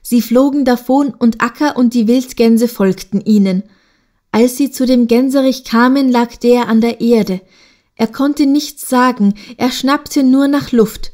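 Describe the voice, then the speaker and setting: A woman narrating a children's classic audiobook in an even, measured storytelling manner. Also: on the high side.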